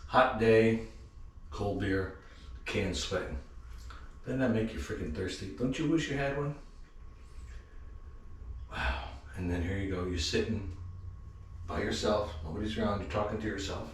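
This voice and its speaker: A man's voice: fairly low pitch, a little slow, long pauses, a little hiss or hum. A middle-aged man remodeling his house, rambling through dry, self-mocking jokes as he shows off a new toilet. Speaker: home remodeler. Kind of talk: casual joking vlog. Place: room of a house under remodel. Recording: echoey bare room, mic at a distance.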